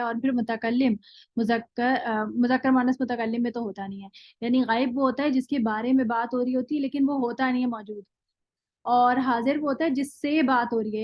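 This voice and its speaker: A woman with Urdu as her first language gives a grammar lesson, her voice sitting a touch high. She explains step by step and recites word forms slowly in a row. The audio is dry and dull, with no room sound. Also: no echo. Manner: explains step by step, often checks with "thik hai"; drills word forms slowly, one at a time. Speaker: Arabic grammar teacher. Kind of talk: classroom lecture.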